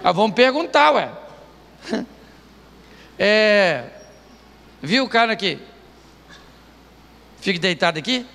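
A man's voice: sits high, animated, takes it slowly, vocal fry, long pauses, pushed and bright, in a large hall, a little hiss or hum. A man preaching a humorous sermon as pastor, telling jokes and stories and laughing often. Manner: joking storytelling, laughing often. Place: church stage.

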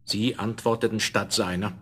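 In the style of a 1970s children's audio play, a man narrates a scripted fairy tale. His voice is lowish and a bit bright, with a steady tone at normal speed. The recording is a noisy vinyl rip full of clicks.

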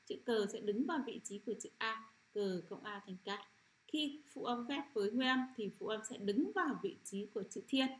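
A middle-aged woman teacher leading a children's phonics lesson, sounding out syllables slowly and often asking if the class has understood. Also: fairly high pitch, lively intonation, a little hiss or hum. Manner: repetitive, checks understanding with frequent "được chưa?".

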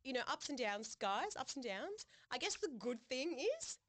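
A young woman, co-hosting a podcast in casual chat, telling her story in an animated, sweary way with laughs. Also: high-pitched, normal speed, dry recording. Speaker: podcast co-host.

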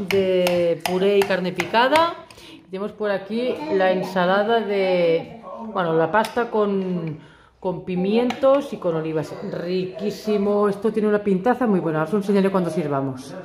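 A woman, a mother chatting casually to her viewers at home. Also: mid-range voice. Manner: chatty, talks straight to viewers. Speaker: vlogger and mother. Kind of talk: casual family vlog. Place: family home.

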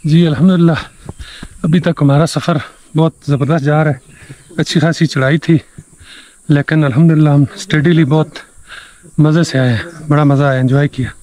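A man's voice: on the high side, steady tone, brisk, pauses often, a little mellow. A cheerful man talking casually with his group outdoors on a mountain trail. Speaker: hiking companion.

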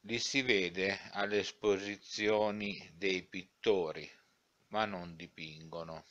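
A low-pitched man reads a literary novel slowly and deliberately. His tone has a bright, forward edge, and the recording sounds slightly dull and lo-fi. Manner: measured, deliberate reading. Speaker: audiobook narrator. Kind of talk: literary audiobook narration.

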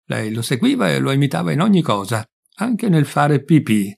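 Gravelly male storyteller, measured. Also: fairly high pitch, big pitch swings, darkish tone. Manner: measured, deliberate reading. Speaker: audiobook reader. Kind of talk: scripted narration of a short story.

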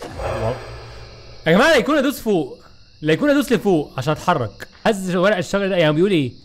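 A man with an Egyptian Arabic accent giving excitable, joking let's play commentary, talking back to the game. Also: high voice, rapid-fire, a little hiss or hum. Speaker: gaming YouTuber.

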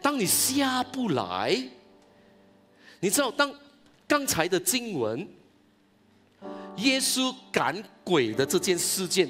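Animated pastor preaching. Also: male voice, high voice. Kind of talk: conference sermon. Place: church conference hall.

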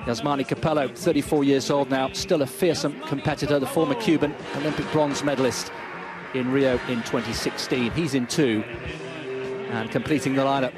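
A man giving live play-by-play commentary on an athletics race, introducing the runners, then rising to excited shouts during the race. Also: mid-range voice, normal speed, music in the background.

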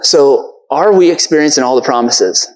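A man's voice: medium pitch, moderate pace, low-quality recording. A man preaching a casual, earnest sermon from a church stage, talking conversationally with lots of fillers.

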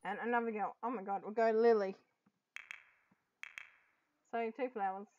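A young woman giving casual commentary while playing a video game, often breaking into excited, gasping exclamations. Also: medium pitch, moderate pace, a little hiss or hum. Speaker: gaming YouTuber. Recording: dull lo-fi audio with game music. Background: game music.

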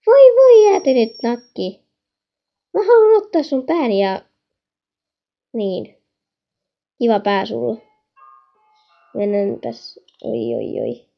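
A woman's voice: fairly high pitch, gravelly, pauses often, muffled recording. Chatty young woman commenting on a game. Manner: chatty, excitable, giggly. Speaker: gaming channel host.

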